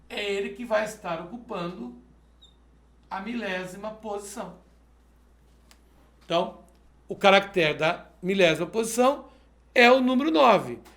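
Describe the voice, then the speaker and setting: In this video lesson a male math teacher works through exercises step by step, pausing to check in with the viewer. His voice sits high and a little bright, and the room is echoey. He is methodical and keeps asking "perfeito?".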